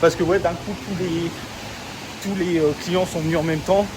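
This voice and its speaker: A young Frenchman records a casual diary vlog on his phone, with street noise around him. His voice is fairly high and steady at a moderate pace, and he rambles loosely, full of fillers and slang.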